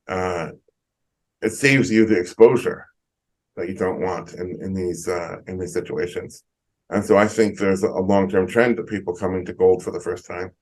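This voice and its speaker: A middle-aged man, an economist guest on a video call, explaining in a measured way with frequent ums. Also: low voice, a little mellow, poor audio. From United States. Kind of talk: interview answers.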